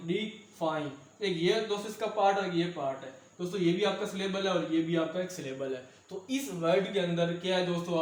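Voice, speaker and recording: High-voiced man teaching in an echoey room. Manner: repetitive, checks understanding with "ठीक है दोस्तों"; mixes English terms into Hindustani speech. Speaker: English teacher. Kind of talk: classroom lecture.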